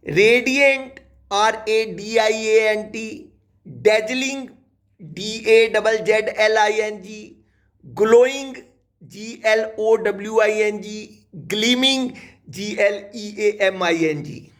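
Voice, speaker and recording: A man's voice: high-pitched, fairly bright tone. A man teaching an English lesson, who spells each word out letter by letter and calls his viewers "dear children".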